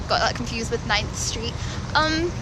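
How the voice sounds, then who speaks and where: A woman's voice: on the high side, unhurried. A young woman chatting casually and ramblingly on a livestream as she walks, giggly and self-deprecating, with a slight lisp from wearing a retainer. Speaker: live streamer. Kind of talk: casual livestream chat while walking. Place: outdoors on a city street. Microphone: camera on a handheld tripod. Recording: loud city street traffic and bystanders.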